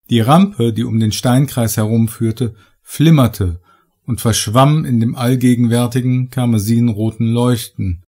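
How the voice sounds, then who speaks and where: A man reading a horror story aloud in measured, dramatic, scripted narration. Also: mid-range voice, warm tone. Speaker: audiobook narrator.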